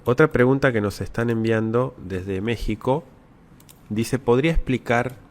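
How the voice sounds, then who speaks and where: With a darkish, mid-range voice, a man from Latin America explains the Bible in response to viewers' questions. He goes step by step, leans on repeated key words, and keeps checking in through short rhetorical tags.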